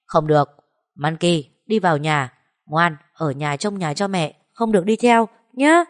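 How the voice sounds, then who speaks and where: A woman's voice: fairly low pitch, animated, brisk, darkish tone, lightly acted. A woman playing a cold, curt scheming mother. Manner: curt, falsely sweet coaxing.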